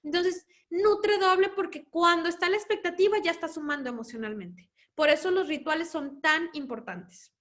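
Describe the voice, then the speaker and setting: This is a woman with a Mexican accent and a high voice giving a talk to parents on family life. She speaks as a mother herself, explaining her points and acting out what children say at home. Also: normal speed, hardly any pauses, fairly bright tone. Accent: Mexican Spanish. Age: adult parent.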